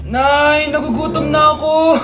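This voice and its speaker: A woman's voice: sits high, steady tone, unhurried, background noise. A woman voicing a cheeky grown child who whines and pleads with her mother in a comedy sketch. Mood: whiny. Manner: pleading and whiny.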